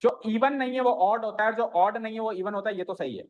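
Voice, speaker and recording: A man's voice: high voice, fairly quick, lo-fi sound. A male maths teacher giving a classroom lesson, asking the students questions and repeating their answers back to them, with English maths terms mixed into his talk.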